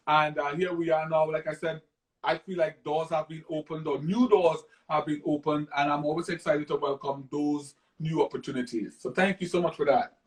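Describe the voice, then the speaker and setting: Trini guy, pretty high voice, excited and joking around in a casual live interview on his phone. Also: moderate pace, low-quality recording. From Trinidad and Tobago. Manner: playful, enthusiastic. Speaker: musician guest. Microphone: phone on a live video stream.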